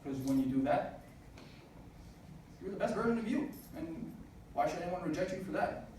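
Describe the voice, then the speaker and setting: A man in his twenties speaks at a student business event, earnest and motivational, his speech full of "uh"s. The voice is high with a darkish tone, lively intonation, and a moderate pace. Echo, noise, and distance color the hall recording.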